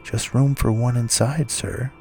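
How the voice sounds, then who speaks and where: A man voicing an eerie male bus conductor in a radio drama, flat and ominous. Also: medium pitch, unhurried, vocal fry, faint music behind.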